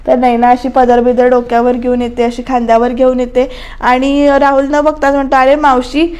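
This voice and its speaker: High-voiced woman recapping a serial. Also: level tone, a little fast, a little mellow. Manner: chatty, talks straight to viewers. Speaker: TV serial reviewer. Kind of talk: casual voice-over recap. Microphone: voice-over mic.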